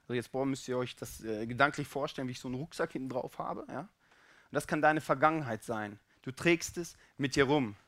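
A man preaching a casual, colloquial sermon, swinging between loud urgent pleas and quiet, intimate low passages. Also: brisk. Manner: casual colloquial speech with fillers.

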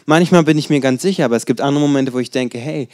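Young man in his 20s, casual storytelling sermon, mid pitch, dry close sound. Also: fast, darkish tone, dry recording. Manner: conversational, storytelling, rhetorical questions. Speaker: preacher.

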